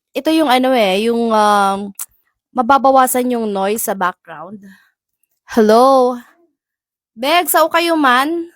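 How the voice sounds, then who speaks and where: Woman, casual vlogger, chatty, slightly high voice, dry close lapel mic. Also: no room sound. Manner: chatty, calls out hellos to viewers, laughs often. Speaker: vlogger reviewing a wireless mic. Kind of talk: casual product demo vlog. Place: home and outdoor yard. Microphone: wireless lapel mic.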